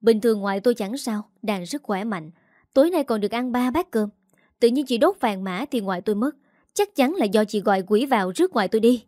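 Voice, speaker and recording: A woman voicing an angry young sister-in-law who hurls fast, accusing words. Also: a little high, lively intonation, a little mellow, dry recording, studio quality, natural voice.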